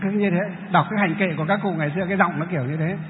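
High-voiced monk in an echoey hall. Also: male voice, racing, a little hiss or hum. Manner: explains patiently, breaks into chanting demonstrations. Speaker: Buddhist monk teacher. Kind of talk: dharma talk with questions from the audience. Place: large lecture hall. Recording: tinny, echoey hall recording.

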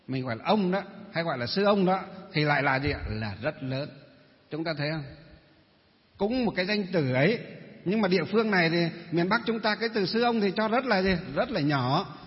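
A man's voice: high voice, lively intonation, fairly quick. A male Buddhist monk with a Northern Vietnamese accent giving a dharma talk, posing rhetorical questions and answering them himself. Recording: reverberant hall, dull muffled sound.

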